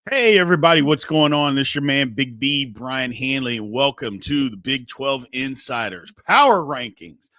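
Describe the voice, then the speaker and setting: A man's voice: medium pitch, lively intonation, normal speed, sharp tone, no room sound. A middle-aged man hosting a sports show, giving blunt, emphatic, casual opinions and repeating his phrases for effect.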